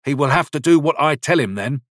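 A proud young shop boy who puts on an air of importance, as a man voices him. The voice is pitched up above the reader's own, slightly husky and dry. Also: a little fast, fairly bright tone, dry recording, lightly acted. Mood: self-important. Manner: sulky, important tone.

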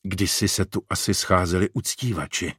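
A man's voice: low voice, a bit bright, husky, dry recording, studio quality, exaggerated voice. A man voicing Tom, a wistful, easily dismayed boy in a read-aloud children's story. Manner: sighing, dismayed.

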